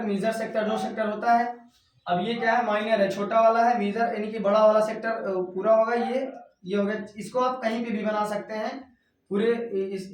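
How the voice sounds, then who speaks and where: A male teacher giving a math lesson at a whiteboard. He keeps repeating each term as a question and then answers it himself. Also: high voice. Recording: echoey room, voice from far off.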